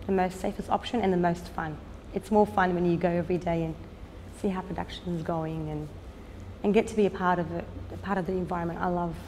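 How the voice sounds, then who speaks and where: A woman, a fashion designer speaking in a documentary interview, earnest and unhurried, with frequent "um" pauses. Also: fairly low pitch, darkish tone, big-room sound, a little hiss or hum. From Australia. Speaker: fashion designer and business owner.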